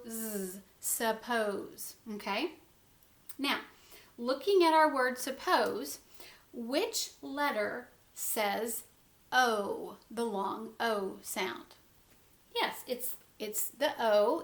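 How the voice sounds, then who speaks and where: A woman's voice: fairly high pitch, a bit bright, echoey room. A middle-aged woman teaching a phonics lesson to young children from home, patiently sounding out letters and syllables.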